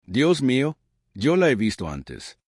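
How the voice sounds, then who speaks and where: A man's voice: medium pitch, huge pitch swings, takes it slowly, husky, dry recording, clean studio sound, pitched above the performer's own voice, exaggerated voice. A man voicing a frightened young man who is haunted by a shadow, speaking in a shaken, trembling way in a horror story.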